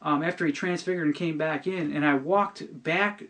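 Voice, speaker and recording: On a podcast, a middle-aged man shares a personal testimony, earnest and halting, often restarting and repeating words. His voice is fairly high-pitched and a bit bright.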